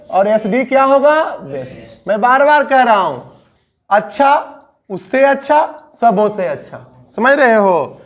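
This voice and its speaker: Man, Bihari Hindi accent, grammar teacher, high pitch, slow and coaxing, repetitive. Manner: coaxing, repetitive teaching with drawn-out word endings. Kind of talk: classroom grammar lesson.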